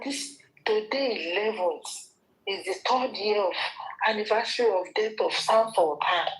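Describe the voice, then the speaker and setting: A woman with a Nigerian accent hosts a gossip commentary vlog. She scolds her target head-on and talks straight at her. Her voice sits at an everyday middle pitch. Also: poor audio.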